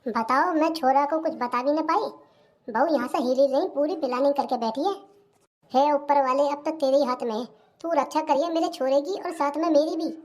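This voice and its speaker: High thin voice, fussy old village amma, dramatic and scared, a voice actor puts her on, cartoon. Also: normal speed, slight background noise, close to an everyday voice. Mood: fretful. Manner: fussy and dramatic, mutters asides to herself. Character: fretful old village mother-in-law, suspicious and scared. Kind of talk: cartoon comedy voice acting.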